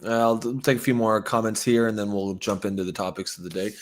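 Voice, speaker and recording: A man's voice: on the low side, fairly even intonation, fast. Blunt, cursing man co-hosting a talk show. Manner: blunt, profane, reads out chat comments. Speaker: podcast co-host. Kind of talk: casual political chat.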